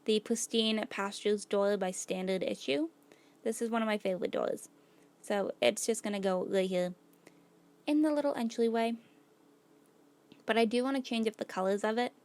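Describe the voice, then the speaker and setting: A woman's voice: medium pitch, moderate pace, long pauses, darkish tone. A woman losing her voice, casually narrating a build video as host and thinking aloud as she works, with many "like"s and "gonna go ahead"s. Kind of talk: casual gameplay voice-over.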